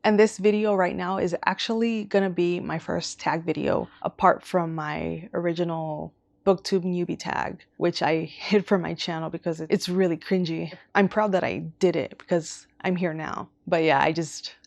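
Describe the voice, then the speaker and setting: Her voice sits on the low side, creaky and fairly even in intonation, at a moderate pace with no echo. She's a young Southern California booktuber talking casually to camera about her reading channel, wandering off on tangents as she rambles.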